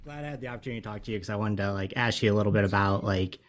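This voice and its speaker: A man's voice: lowish voice, rapid-fire. A man from St. Louis hosting a soccer podcast, laid-back and full of casual fillers. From St. Louis, USA. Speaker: podcast host. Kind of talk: casual interview chat.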